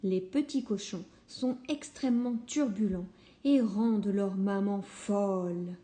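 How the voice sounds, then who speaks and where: A woman reading a children's story aloud in a calm, unhurried way. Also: mid-range voice.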